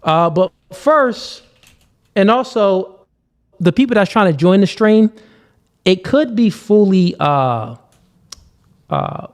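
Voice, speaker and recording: A male stream host speaks in a slightly higher voice over an online call mic. He is laid-back and casual, and he keeps calling people man. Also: lively intonation, takes it slowly, long pauses. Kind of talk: casual livestream chat.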